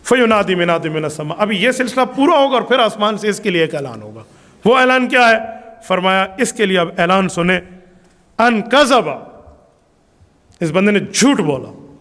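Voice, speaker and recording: A man's voice: high-pitched, very animated, a bit bright, long reverb tail. A man preaching a religious sermon with a Pakistani Urdu accent, reciting Arabic passages and then explaining them with rising emphasis. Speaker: Islamic preacher.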